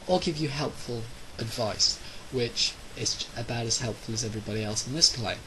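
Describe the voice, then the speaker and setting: Someone rambles through an opinionated monologue for a rant video, speaking theatrically and declaiming, stretching out phrases for emphasis. The voice sits at medium pitch with normal speed, and background noise can be heard.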